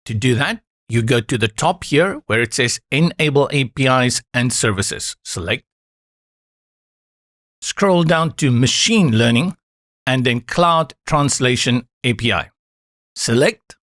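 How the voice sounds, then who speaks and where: Talking viewers through each click of a software setup, a tutorial presenter with Afrikaans as his first language keeps a calm, instructive manner and drops in reassuring asides. His mid-pitched voice moves a little slowly. The screen-recorded step-by-step clip sounds close and dry, with no room sound.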